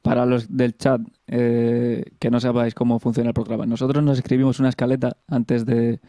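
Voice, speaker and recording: A man's voice: medium pitch, little pitch movement, a little fast, warm tone, no room sound, studio quality. A man with a Castilian Spanish accent co-hosting a show in casual chat, colloquial and sweary, often repeating himself insistently. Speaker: co-host of a film talk show.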